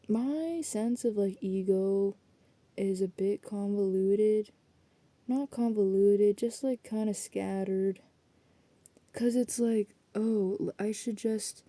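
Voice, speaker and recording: A woman's voice: mid-range voice, dark tone, dry recording. A young adult woman rambling casually in a late-night vlog, swearing freely and drifting between thoughts. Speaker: student vlogger.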